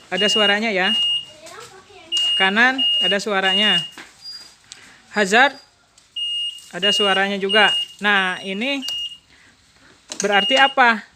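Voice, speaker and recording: A woman's voice: mid-range voice, heavy background noise. Chatty woman. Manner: chatty, explains step by step. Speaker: motorcycle alarm installer. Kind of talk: casual product demonstration.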